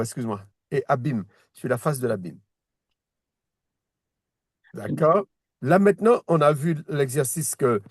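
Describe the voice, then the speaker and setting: A man's voice: medium pitch, no echo, clean studio sound. A man teaching a one-on-one reading lesson, patient, repeating words and restarting his sentences as he explains. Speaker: Hebrew teacher.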